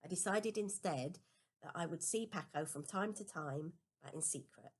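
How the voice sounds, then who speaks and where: A woman reads a children's novel aloud as first-person storybook narration. Her lowish voice is husky and moves at a moderate pace.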